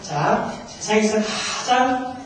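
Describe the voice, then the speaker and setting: Joking pastor in a very echoey hall. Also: male voice, sits high, expressive, slow pace, fairly bright tone, a little hiss or hum. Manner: joking, leads the congregation in call-and-response. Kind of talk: humorous sermon. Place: church sanctuary. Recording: far-off mic, very echoey hall.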